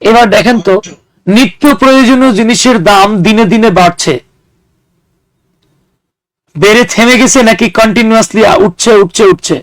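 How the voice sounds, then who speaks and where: A man's voice: high voice, normal speed, long pauses, no room sound, rough recording. A man teaching an English grammar class, explaining with everyday examples and putting questions to his students. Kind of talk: classroom lecture.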